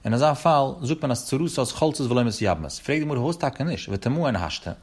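A man's voice: mid-range voice, animated, fast talker, breathy edge. A man teaching a text study lecture, explaining step by step in short broken phrases.

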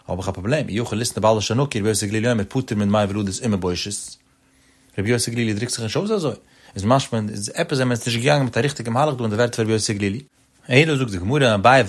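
A man giving a Talmud study lecture in a sing-song study cadence, often rising in pitch at the ends of his phrases. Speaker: Talmud teacher.

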